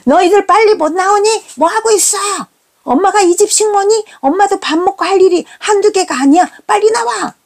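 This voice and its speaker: A woman voicing a strict middle-aged mother who scolds her children with sharp, reproachful questions. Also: medium pitch, very animated, unhurried, long pauses. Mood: shrill nagging.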